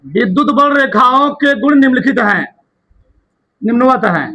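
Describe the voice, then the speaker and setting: A male teacher giving a classroom lesson, dictating notes slowly with repeated key words and firing quick check questions at his students. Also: very high-pitched, lively intonation, sharp tone, poor audio.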